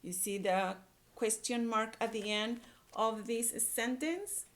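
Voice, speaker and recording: A slightly high, fairly bright voice belongs to an early-grade reading teacher taking little ones slowly through a read-aloud. She coaxes them with questions and repeats words and phrases as she goes.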